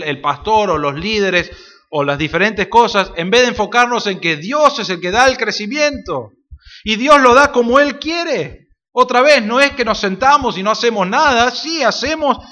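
A young man preaches with a Rioplatense Spanish accent, his voice high and bright. He is emphatic, swinging from loud declarations to soft asides. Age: young adult. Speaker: pastor. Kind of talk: sermon.

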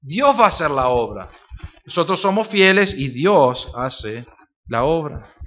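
A young man preaches with a Rioplatense Spanish accent, his voice high and bright. He is emphatic, swinging from loud declarations to soft asides. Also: sing-song, unhurried, muffled recording. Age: young adult. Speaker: pastor. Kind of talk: sermon.

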